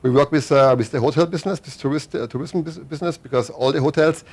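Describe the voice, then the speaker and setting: Middle-aged German-accented man, rapid run-on talker with restarts, gravelly texture. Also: a little high. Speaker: interview guest. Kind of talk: casual interview.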